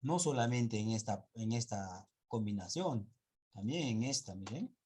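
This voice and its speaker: Slow, husky-voiced male teacher. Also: lowish voice, lively intonation, warm tone. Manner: patient, repeats sounds and checks understanding with "¿ya?". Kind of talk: spelling and pronunciation class. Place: online class in 2021.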